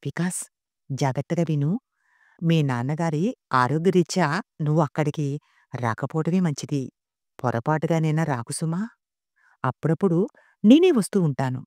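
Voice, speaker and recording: A woman's voice: low voice, normal speed, pauses often, a little mellow, dry recording, lightly acted. A woman voicing a retired old mother who speaks with care and worry in a storybook reading. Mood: worried. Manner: pleading, caring.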